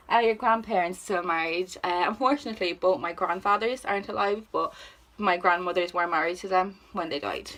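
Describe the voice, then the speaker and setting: Sitting on the floor at home, a twenty-one-year-old Irish woman answers vlog questions in a chatty, informal, self-deprecating way, often exclaiming. Her voice is lowish and fairly bright, delivered at a normal speed, though the audio quality is poor.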